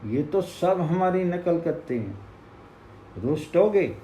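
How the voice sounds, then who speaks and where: Lively young cowherd boys shout and scold indignantly, put on by a man telling the tale. Their voices jump up and down in a roomy, echoing space. A faint hum sits behind them. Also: fairly high pitch, slow pace, voice pushed up. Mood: excited. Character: excited young cowherd boys, quick to anger.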